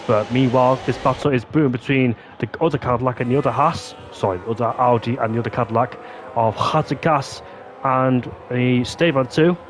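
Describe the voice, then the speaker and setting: A man giving live commentary on a sim racing league race, getting loud and high during close battles and dropping into apologetic asides. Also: slight background noise.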